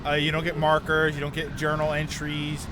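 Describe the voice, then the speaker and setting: A man's voice: a little high, monotone, moderate pace, background noise. A man streaming a game, giving casual live commentary and reacting aloud.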